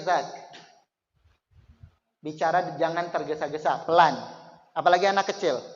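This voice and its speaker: High-voiced preacher in an echoing hall. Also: male voice. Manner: animated, coaxing questions to the audience, bursts of raised emphasis. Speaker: Islamic teacher giving a parenting seminar. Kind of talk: lively seminar talk to mothers. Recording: dull lo-fi recording with long hall reverb.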